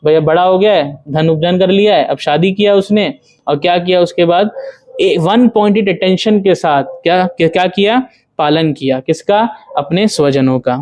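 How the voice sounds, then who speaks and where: A man giving a devotional lecture, asking rhetorical questions and chanting verses slowly. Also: sits high, a little mellow. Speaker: spiritual teacher.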